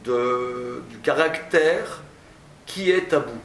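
Slow-speaking male teacher in echoey room. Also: medium pitch, gravelly, a bit bright. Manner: stammering restarts, drawn-out emphatic phrasing. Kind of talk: classroom lecture. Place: classroom. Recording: echoey room, distant mic, faint noise.

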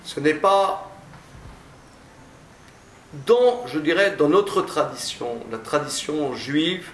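A male teacher giving a classroom lecture, often stammering and restarting, stressing points with drawn-out phrasing. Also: fairly high pitch, animated. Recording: echoey room, distant mic, faint noise.

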